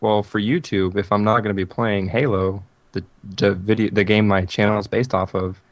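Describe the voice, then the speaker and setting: A man's voice: fairly low pitch, level tone, normal speed, dry recording. A young man in a casual gaming chat, reflective and thinking aloud. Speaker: gaming YouTuber, co-host.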